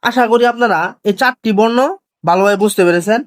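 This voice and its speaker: A Korean language teacher, giving an online lesson. The teacher explains slowly and patiently, asks each point back as a question and then answers it. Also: medium pitch. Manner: slow, patient, drilling explanation.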